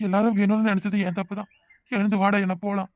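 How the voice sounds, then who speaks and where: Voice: medium pitch, level tone, quick pace, dry recording, lightly acted. Someone doing an anxious young cartoon husband. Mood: soothing. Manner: pleading, anxious, gentle. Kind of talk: Tamil village cartoon voice acting.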